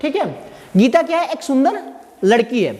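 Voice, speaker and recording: A man teaching grammar, who asks his students rhetorical questions and answers them himself, and repeats and spells out words slowly. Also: very high-pitched, big pitch swings, dark tone. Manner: slow, repetitive explaining with spelled-out words. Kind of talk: explaining lesson to students. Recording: echoey room with faint background noise.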